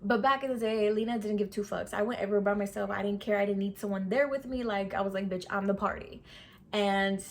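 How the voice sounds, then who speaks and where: A woman's voice: medium pitch, steady tone, fast talker. A woman in her twenties telling a storytime vlog in a chatty, sassy way, full of slang. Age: 20s. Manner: chatty, sassy slang, says sis and okay a lot. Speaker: beauty vlogger. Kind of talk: casual storytime.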